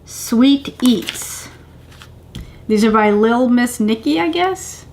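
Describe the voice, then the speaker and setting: Slow-paced, higher-pitched woman vlogger. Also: animated, a little mellow, slight background noise. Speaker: vlogger unboxing a subscription box. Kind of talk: casual unboxing chat to camera. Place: indoors, home living room on a couch.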